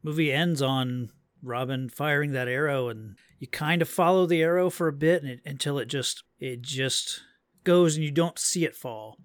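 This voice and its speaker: A man's voice: on the high side, normal speed, dry recording, clean studio sound. A man guesting on a podcast, talking thoughtfully about a film in a casual way. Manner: thoughtful, trailing phrases. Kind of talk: casual chat.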